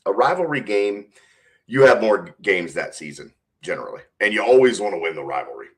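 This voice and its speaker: A man with a low, deep voice that swings up and down with lively energy. He is a stadium announcer answering questions as a podcast guest, chatty and quick to laugh. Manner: chatty, laughs often, thinks aloud. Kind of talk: casual interview answers.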